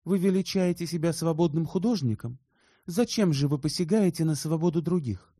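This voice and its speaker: A man's voice: a little high, normal speed, warm tone, no echo, clean studio sound, pitched above the performer's own voice, close to an everyday voice. A man putting on a cool, direct young woman. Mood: cool, pointed. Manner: poised, pointed questions. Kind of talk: audiobook character reading.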